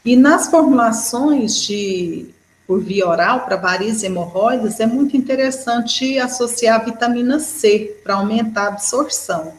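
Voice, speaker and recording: A woman with a Brazilian Portuguese accent giving an educational lecture, explaining steadily and often checking in with a quick "né". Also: a little high. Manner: explanatory, with frequent "né" fillers. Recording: echoey room.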